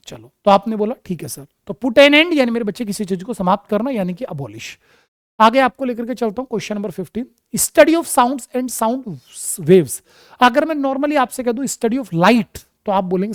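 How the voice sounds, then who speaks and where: A man's voice: high-pitched, dry recording. Affectionate man teaching vocabulary, dry sound. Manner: calls students "my child" and "darling", asks and answers his own questions; mixes English terms into quick Hindi explanations. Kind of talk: exam vocabulary lesson.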